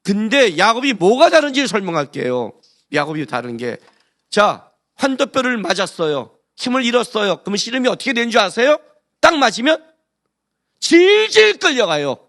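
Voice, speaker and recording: Male pastor, gravelly high voice, lively sermon delivery with sudden loud bursts. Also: normal speed. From Korea. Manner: emphatic, swings between hushed asides and loud exclamations; talks directly to congregation with rhetorical questions.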